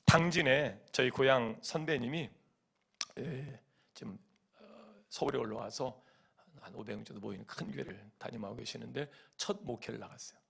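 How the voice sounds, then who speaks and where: Gravelly, animated male pastor. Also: mid-range voice, normal speed. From Chungcheong, Korea. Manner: animated storytelling, mimics voices and hums folk song lines. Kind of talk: sermon. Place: church sanctuary.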